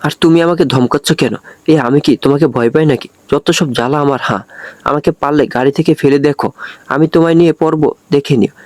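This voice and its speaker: A man's voice: on the high side, brisk, darkish tone, no echo, close to an everyday voice. A man voicing a bossy, fearless little girl. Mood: bossy scolding. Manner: scolding, cheeky.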